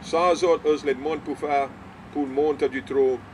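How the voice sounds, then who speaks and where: An older man speaks with a Cajun French accent in a casual interview. His delivery is halting and repetitive, with English words dropped in. A faint layer of vehicle noise sits behind his voice. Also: fairly high pitch, steady tone, a little mellow. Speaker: small-town mayor being interviewed.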